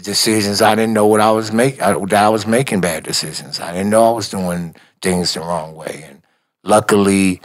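A man's voice: on the low side, moderate pace. A man from Chicago, a music executive, telling stories in a casual interview, acting out conversations with slang and frequent laughter. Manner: animated, acts out dialogue, laughs often, slangy.

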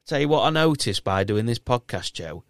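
A man's voice: medium pitch, animated, moderate pace, no room sound, studio quality. A man with a thick Yorkshire accent hosting a casual podcast in a chatty, encouraging, matey way. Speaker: podcast host and quizmaster.

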